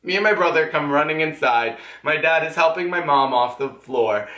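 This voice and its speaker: Bright-voiced young man in an echoey room. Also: a little high, animated, moderate pace. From United States. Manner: candid, chatty, acts out quotes. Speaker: vlogger. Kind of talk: personal storytelling vlog.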